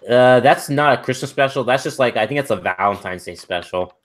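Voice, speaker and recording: A man's voice: mid-range voice, expressive, a little fast. A young man hosting a casual stream chat, rambling with lots of fillers. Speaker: stream host.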